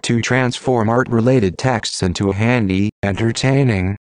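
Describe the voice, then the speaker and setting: Male computer-generated voice, old speech synthesizer sound, low pitch, mechanical delivery, scripted read-aloud, very dry. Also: unhurried, dry recording. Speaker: automated narrator of an audio series. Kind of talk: scripted read-aloud narration of formal texts.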